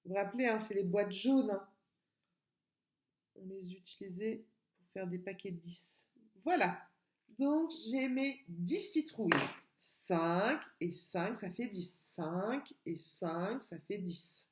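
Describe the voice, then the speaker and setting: A woman teaching a home-schooling lesson to young children, speaking slowly and stretching out sounds in a sing-song way. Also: mid-range voice, lively intonation, darkish tone. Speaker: kindergarten teacher. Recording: echoey room.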